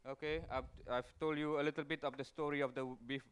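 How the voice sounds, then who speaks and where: A Malaysian man, an executive chef, talks through a live cooking demonstration in a fairly high, steady, smooth voice. He speaks fast and chattily, explaining each step with plenty of fillers and restarts.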